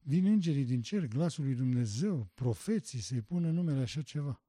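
A man preaching a sermon, emphatic, asking rhetorical questions and rising to loud passionate stress. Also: mid-range voice, lively intonation, breathy edge, no echo.

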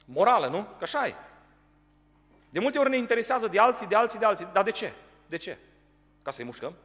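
A man with a Romanian accent preaching a sermon in a church prayer house, telling stories and acting out the people in them. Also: high voice. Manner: lively, animated storytelling with voiced quotes. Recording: long hall reverb.

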